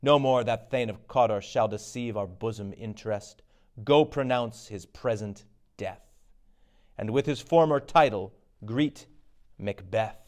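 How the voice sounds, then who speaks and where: A man's voice: on the low side, measured pace, darkish tone, lightly acted. Man playing a regal, commanding king. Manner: regal, emphatic. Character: noble, commanding old Scottish king.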